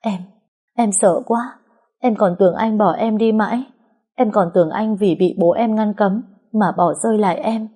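A woman's voice: mid-range voice, moderate pace, warm tone, slightly rough, voice pushed up, lightly acted. A woman voicing a young woman who pleads tearfully and stands up to her father. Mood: sobbing. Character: young woman, desperate and defiant lover.

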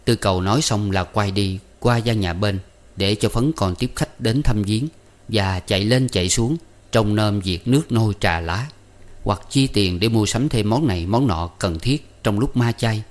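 A man narrating a story in a calm, even way. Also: lowish voice, normal speed. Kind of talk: audiobook narration.

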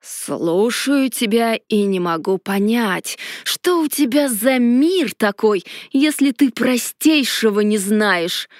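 A woman voicing a gruff, sarcastic male dragon who drawls slowly and rolls a growling R, in a storybook reading. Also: on the high side, expressive, no room sound, studio quality. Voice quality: growling rolled R. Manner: slow, drawling and mocking.

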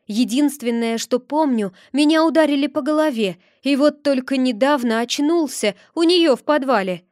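A woman's voice: high voice, moderate pace, darkish tone, no room sound, studio quality, close to an everyday voice. A woman voicing a tender young male ghost. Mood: earnest. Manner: earnest, emotional, pleading.

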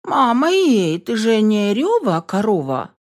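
A woman's voice: medium pitch, sing-song, measured pace, pitched above the performer's own voice. A woman voicing a bubbly, affectionate teenage girl of nearly eighteen who gushes and coaxes with pet names. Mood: comforting. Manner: gushing, coaxing, uses pet names.

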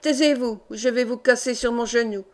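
A woman reading aloud voices a huge, gruff doorman who mocks and threatens a visitor. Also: a little high, fairly quick, close to an everyday voice. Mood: mocking threat. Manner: mocking, threatening.

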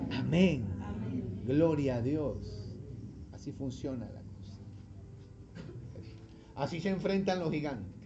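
A male pastor preaching an animated sermon, leading the congregation to repeat after him and often asking short questions. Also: takes it slowly, long pauses, highs cut off, a little hiss or hum. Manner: animated, swings from loud emphatic calls to low quiet asides; leads the congregation in call-and-repeat.

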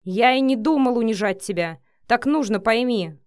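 A woman's voice: a little high, expressive, normal speed, dry recording, clean studio sound, natural voice. A woman reading the lines of a tense young male boss in an audiobook, speaking in a curt, strained way.

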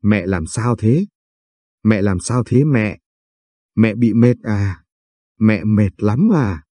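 A man's voice: medium pitch, expressive, measured pace, mellow, slightly rough, no room sound. A man voicing a distraught young woman pleading tearfully at her mother's sickbed.

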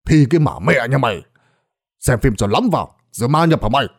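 A man voicing frightened villagers and a gruff old exorcist in urgent, rushed dialogue. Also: mid-range voice, big pitch swings, mellow.

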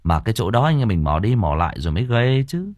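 A man's voice: fairly low pitch, very animated, fast, darkish tone, no room sound, muffled recording. A man voicing a young village man who sighs and sounds impressed. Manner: sighing, impressed.

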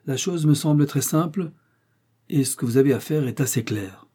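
A man's voice: medium pitch, moderate pace, warm tone, husky, voice pushed up, close to an everyday voice. A man voicing a trial judge who speaks formally and briefly. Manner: formal, matter-of-fact.

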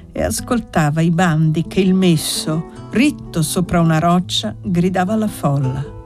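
A woman narrating a classic novel in a calm, even storytelling manner. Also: fairly low pitch. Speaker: audiobook narrator. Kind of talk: scripted narration.

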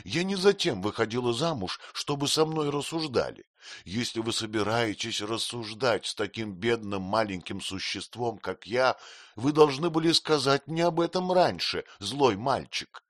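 A man's voice: mid-range voice, expressive, normal speed, fairly bright tone, dry recording, studio quality, voice pushed up. A man voicing a childish, girl-like young wife who pleads plaintively and tearfully in an audiobook reading.

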